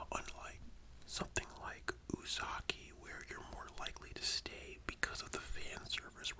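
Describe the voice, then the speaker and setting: A voice in a soft library whisper, giving an explanatory lesson as an ASMR whispered role-play. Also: low-quality recording. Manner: explanatory, checking the listener understands. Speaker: ASMR content creator.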